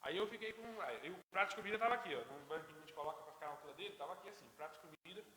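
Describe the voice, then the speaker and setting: A high-pitched man with a very bright, cutting tone teaches a church Sunday school class. He tells his story in a lively way and acts out the dialogue. His voice rings through the long reverb of a church hall. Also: racing, a little hiss or hum. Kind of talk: anecdote told to a church class.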